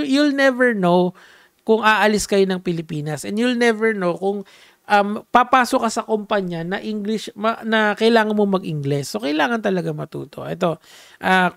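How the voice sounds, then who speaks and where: This young man from the Philippines has a high, gravelly voice and a Filipino accent, giving playful vlog commentary that hops between Tagalog and English, full of fillers and restarts and the occasional shouted "Hey!". It's studio-clean audio with no echo.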